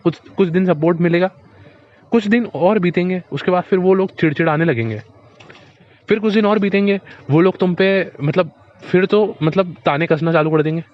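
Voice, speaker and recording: A man speaking as a motivational speaker, giving blunt advice in a casual, direct way, often repeating himself and calling the listener his friend. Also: fairly high pitch. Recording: dull lo-fi recording.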